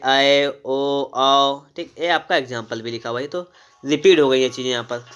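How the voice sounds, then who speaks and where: Smooth-voiced man teaching grammar. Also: a little high. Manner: explains step by step, asks and answers his own questions. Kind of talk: grammar lesson, reading from a book.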